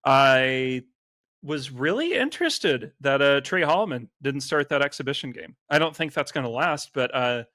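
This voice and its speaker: Man, podcast co-host, bright tone, dry close sound, casual stats chat, animated. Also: medium pitch, dry recording. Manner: animated, quick stats-driven talk with fillers.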